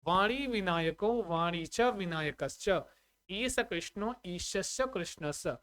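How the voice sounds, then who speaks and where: A man teaching Sanskrit grammar in a live online class, asking his students questions again and again and reciting example compounds in a measured, chanting way. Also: sits high, lively intonation, fairly bright tone. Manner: drills students with repeated questions and checks on the audio.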